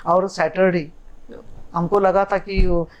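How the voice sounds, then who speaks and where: A woman's voice: lowish voice, level tone, slow, highs cut off. A middle-aged woman sharing a personal devotional story in an emotional, casual way, moving between languages. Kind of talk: casual spoken testimony.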